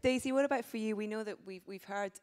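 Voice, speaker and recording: A woman moderating a press conference, reading out questions and briskly directing the room. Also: mid-range voice, darkish tone.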